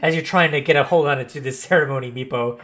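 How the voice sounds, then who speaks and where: A man's voice: medium pitch, fast, a bit bright. A man running a tabletop fantasy game as game master, improvising narration and often repeating and rephrasing as he describes. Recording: music playing behind the voice. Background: background music.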